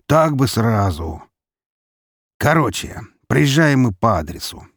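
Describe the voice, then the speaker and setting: A man voicing a brash, crude, teasing male police investigator, loud and boisterous. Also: lowish voice, animated, normal speed, creaky, breathy edge, no echo, studio quality, voice pushed up, exaggerated voice.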